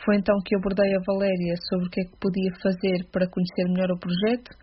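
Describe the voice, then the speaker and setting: Flat-voiced Portuguese woman reading aloud. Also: mid-range voice, fast talker, a little hiss or hum. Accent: European Portuguese. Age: 20s. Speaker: guest giving a testimony. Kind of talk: reading a prepared testimony. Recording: dull lo-fi recording.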